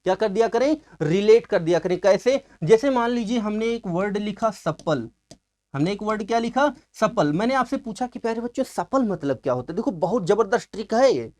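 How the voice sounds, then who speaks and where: A man's voice: high voice, lively intonation, darkish tone. Male teacher lecturing, quizzing himself. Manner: asks a question, then answers it himself; repeats key words with drawn-out emphasis. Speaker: English teacher. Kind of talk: exam-prep classroom lecture.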